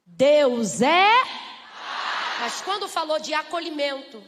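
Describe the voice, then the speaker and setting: A woman preaching a lively sermon to a congregation, acting out the voices in her stories and asking the crowd rhetorical questions. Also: high-pitched, takes it slowly, big-room sound, background noise. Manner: animated storytelling, acts out voices, rhetorical questions.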